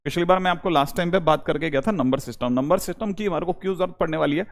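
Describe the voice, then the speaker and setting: A man's voice: on the high side, very fast. A young man teaching a maths class online, repeating reminders to his students and switching between Hindi and English. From India. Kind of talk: online lecture.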